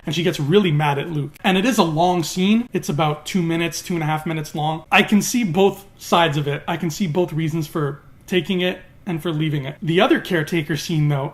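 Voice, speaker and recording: Excitable man giving a casual film review. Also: fairly high pitch. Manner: enthusiastic, acts out quotes in little voices.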